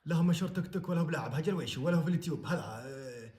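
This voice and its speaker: A man's voice: on the high side, very fast, darkish tone. A man with a Saudi Bedouin Arabic accent bantering argumentatively with friends in a guessing game on a live stream, swearing emphatic oaths. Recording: echoey room with slight noise, clicks.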